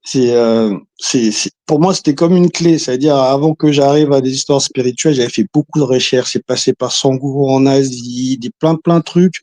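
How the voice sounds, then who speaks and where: A man's voice: mid-range voice, normal speed, few pauses, darkish tone, no room sound. A man from Congo on a video call, talking casually and hesitantly, with many restarts and fillers and an occasional chuckle. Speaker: caller. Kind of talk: casual chat.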